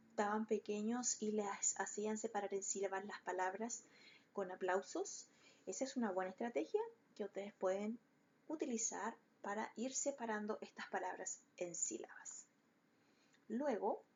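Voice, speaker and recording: A woman's voice: medium pitch, darkish tone, highs cut off, a little hiss or hum. A woman teacher explaining a lesson patiently, step by step, to schoolchildren. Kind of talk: recorded online class.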